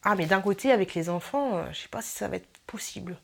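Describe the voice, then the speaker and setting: A woman's voice: medium pitch, animated, fast talker, creaky. A woman YouTuber talking through her wishlist in a casual vlog, chatty and playful, rambling with filler asides.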